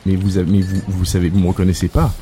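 A man's voice: low-pitched, monotone, quick pace, noisy background. A man improvising comedy scenes, exasperated and then flamboyant and theatrical.

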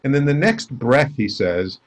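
A man's voice: medium pitch, normal speed. A man who works as a life coach, telling stories as a guest in a casual interview and acting out the dialogue in them. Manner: animated storyteller acting out quoted dialogue.

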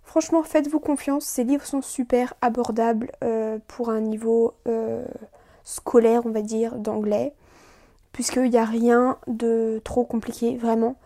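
Young woman, high mellow voice, loose chatty podcast host with lots of fillers. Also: little pitch movement, unhurried. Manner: chatty, many fillers and restarts. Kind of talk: casual solo podcast chat.

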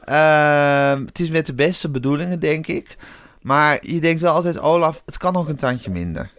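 A man co-hosting a casual podcast chat, prompting his partner with quick, dry, teasing questions. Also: a little high, lively intonation, a bit bright, clear, resonant tone, no echo. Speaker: podcast co-host.

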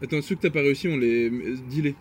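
A man's voice: medium pitch, a little hiss or hum. A young man co-hosting a podcast, joking with friends in casual chat. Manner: quick, joking banter. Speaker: podcast co-host.

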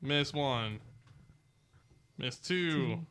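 A man's voice: mid-range voice, animated, very slow, a bit bright, smooth. A man acting as game master in a tabletop game, tallying dice rolls in a casual, laid-back way.

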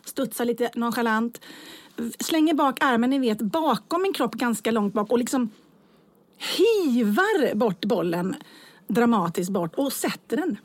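Lively, husky woman podcast host. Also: on the high side, no room sound. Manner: lively storyteller, acts out her own lines. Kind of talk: casual podcast chat.

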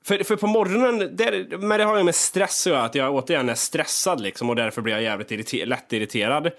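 Male co-host, casual banter, a touch high-pitched, cursing, lively retelling of everyday irritations. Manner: animated, swears freely, acts out his own inner talk. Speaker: podcast co-host. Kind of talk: casual chat.

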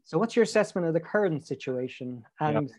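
Guy doing interview questions, slightly high voice, earnest and measured, formal wording. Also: expressive, darkish tone. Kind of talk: prepared interview questions and remarks.

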